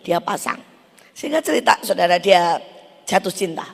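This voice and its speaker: A woman preacher delivering a fiery sermon, swinging from loud shouted bursts down to near whispers. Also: lowish voice, lively intonation, moderate pace, vocal fry, breathy edge, in a large hall. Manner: fierce, loud bursts then sudden drops to near whisper.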